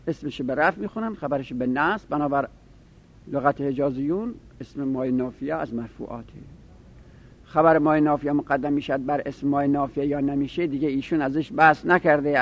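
A fairly high-voiced man teaching an Arabic grammar lesson in a seminary style. He walks through the rules and says each example phrase slowly, with care. The recording sounds dull and lo-fi.

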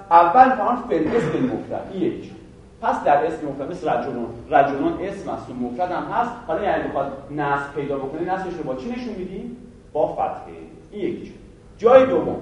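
A man's voice: high-pitched, muffled recording, slight background noise. A man teaching a grammar lesson to a class, firing questions at the students and answering them himself. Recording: very echoey room from far off.

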